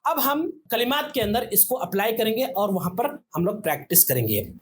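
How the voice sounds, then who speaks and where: A man's voice: sits high, big pitch swings, normal speed. A man teaching a Tajweed lesson step by step, patiently repeating and stretching out letter sounds.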